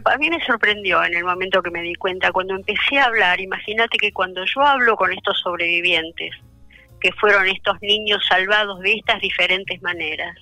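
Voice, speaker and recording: A woman's voice: medium pitch, bright, forceful tone, dry recording, low-quality recording. An older woman with an Argentine accent, speaking in a radio interview, reflective and hesitant with many fillers. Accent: Argentine (Rioplatense). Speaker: interview guest, author. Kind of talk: personal testimony in a radio interview.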